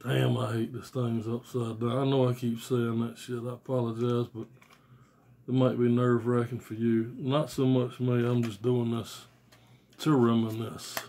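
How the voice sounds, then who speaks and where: Talking casually and unscripted from a small room at home, an American man in his forties reviews albums on video, his average-pitched voice warm, at normal speed, with little pitch movement. He comes across as blunt, slangy and profane. His phone or tablet, held at arm's length, picks up faint noise and clicks.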